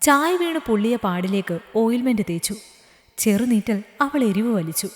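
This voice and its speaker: A woman narrating a scripted story in a steady, measured reading voice. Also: medium pitch. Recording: echoey room with long reverb.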